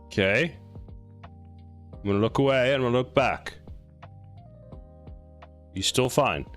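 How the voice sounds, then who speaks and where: A man's voice: medium pitch, a little slow, soft background music. A man streaming game development, chatting casually and playfully scolding his code as if it were alive. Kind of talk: casual live-stream chat while coding.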